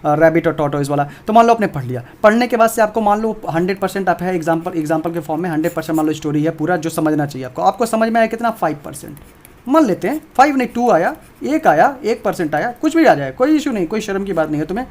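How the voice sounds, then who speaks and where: A man's voice: high-pitched, expressive, fast talker. A man teaching an informal video lesson on exam preparation, emphatic and repetitive, talking straight to his viewers.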